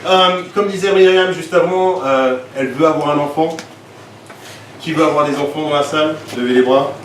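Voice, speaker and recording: A man in his forties from Switzerland doing a lively stand-up comedy set, firing quick asides at the crowd. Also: on the high side. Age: 40s. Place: comedy club stage. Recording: echoey club room, mic far, noisy.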